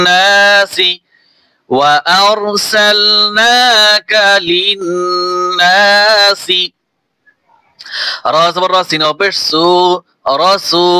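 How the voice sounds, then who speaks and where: A man teaches Quran reading at a slow, deliberate pace, spelling each syllable out letter by letter. His voice sits high and sounds bright and smooth. The recording is dry and close. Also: no echo. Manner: slow letter-by-letter spelling, then melodic chanted recitation. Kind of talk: spelling out Quran recitation lesson.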